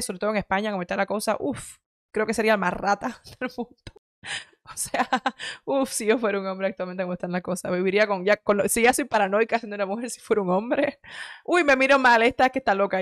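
A woman's voice: medium pitch, no room sound. Chatty woman host with a dry, close sound. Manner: chatty, laughs often, teasing asides. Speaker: host reacting to videos and reading comments. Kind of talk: casual reaction chat.

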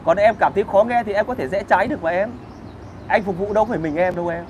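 A man rants in a high, pushed voice, crude and combative. He hosts a casual livestream from outdoors. Traffic and street noise sit loudly behind him. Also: quick pace, lo-fi sound. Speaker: livestream host answering viewer comments.

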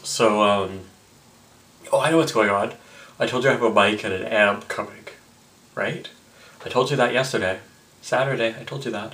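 A man in his twenties vlogs in a lowish voice, audibly tipsy. He rambles in a casual, halting way, circling back over his own words. Small asides come out with mock indignation. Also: sharp tone. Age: 20s. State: tipsy from drinking. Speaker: vlogger. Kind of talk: casual rambling vlog to camera. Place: small indoor room with block wall, seated close to camera.

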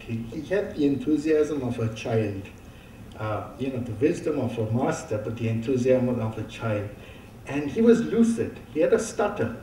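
A man, giving a conference keynote in a halting, reminiscing way with many fillers. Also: medium pitch, dark tone, slight background noise. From India. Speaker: keynote speaker. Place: large dark auditorium stage. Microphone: lectern microphone, heard from far off. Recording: roomy hall sound from a distant camera.

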